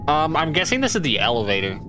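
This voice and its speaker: A man in a casual gaming chat, easily startled and prone to yelping. His voice sits somewhat high for a man and swings widely in pitch. Game music plays faintly behind him. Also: wildly swooping pitch, quick pace. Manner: jumpy, yelps and shrieks when startled. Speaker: gamer.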